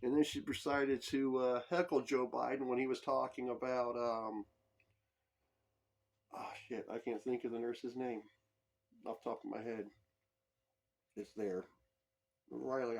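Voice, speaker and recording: A man hosting a podcast, delivering a heated, profane political commentary monologue. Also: medium pitch. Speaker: podcast host.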